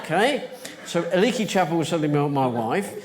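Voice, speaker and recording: A man's voice: fairly high pitch, big pitch swings, brisk, very noisy. A man telling anecdotes as a guest at a live panel event, chuckling often, hesitating a lot and acting out the voices of people he quotes. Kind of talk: anecdotal storytelling.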